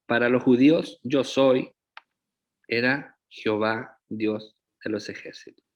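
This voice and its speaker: The lo-fi recording captures a medium-pitched man preaching to his congregation. As their pastor, he takes it slow and deliberate. Rhetorical questions serve as frequent check-ins with the people.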